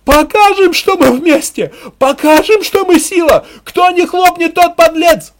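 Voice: very high-pitched, measured pace, pitched above the performer's own voice. A reader voicing a hysterical male village propagandist who whips a crowd into shrieking chants. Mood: shrieking, fanatical.

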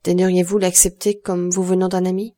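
A woman's voice: fairly low pitch, little pitch movement, brisk, warm tone, close to an everyday voice. A woman reading the part of a grave, composed count who speaks solemnly and consolingly in a storybook.

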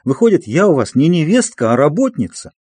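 A man reading an audiobook and voicing a furious young peasant woman who shouts and scolds. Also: medium pitch, very animated, fast, no room sound.

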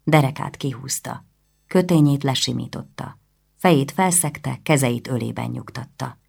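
A woman reading a historical novel aloud in measured, scripted narration. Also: a bass voice, creaky, darkish tone, slightly rough. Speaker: audiobook narrator.

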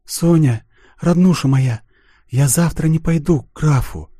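A man reading an audiobook voices a timid, tearful young woman seamstress, pleading in a breathy, trembling voice. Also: fairly high pitch, unhurried, dark tone, pitched above the performer's own voice.

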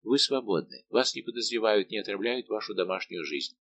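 A man's voice: fairly low pitch, animated, fairly quick, fairly bright tone, dull audio. A man voicing a proud, teasing young princess in an audiobook, coy and defiant in manner.

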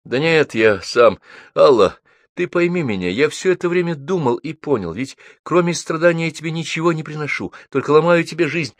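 A man voicing a mild male lecturer in an audiobook, gentle and apologetic. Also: a little high, lively intonation, normal speed, no room sound, clean studio sound, pitched above the performer's own voice, lightly acted. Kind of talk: audiobook reading.

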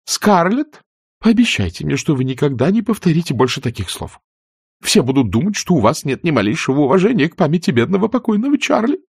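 A male narrator voicing a fussy, easily tearful older aunt in a high, flustered voice for an audiobook. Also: very animated, fairly quick, creaky, breathy edge, no echo, clean studio sound, heavily acted. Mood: fretful.

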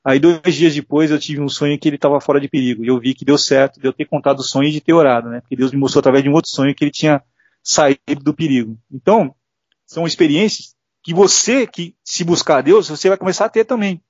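A man's voice: a little high, quick pace, darkish tone, no room sound. A middle-aged Brazilian man telling earnest personal stories as an interview guest, acting out the voices he quotes. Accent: Brazilian Portuguese. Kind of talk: casual interview testimony. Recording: dull lo-fi dry sound.

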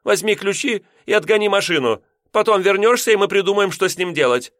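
A man voicing a fussy, proper middle-aged landlady who scolds in a shrill, exclamatory voice. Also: animated, a little fast, fairly bright tone, no room sound, studio quality. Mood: scolding.

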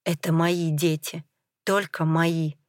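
A woman voicing an angry young mother who accuses her child's father in a loud, bitter tone. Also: sits low, little pitch movement, slow, no echo, clean studio sound. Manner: accusing, shouting.

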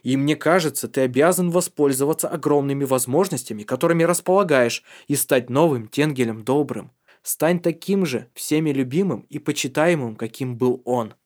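Man reading earnest young man, calm, serious, persuasive, mid pitch, audiobook. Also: normal speed, lightly acted. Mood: pleading, earnest.

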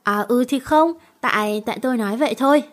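A woman's voice: on the high side, fast, close to an everyday voice. A woman reading the lines of a spirited, brash young woman who turns flustered and apologetic.

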